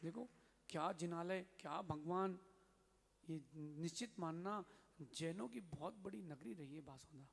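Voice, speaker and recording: A man, a Jain monk, giving a sermon and telling a story in a lively way, acting out the characters' lines. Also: fairly high pitch, a little slow, creaky, slight background noise. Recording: long hall reverb.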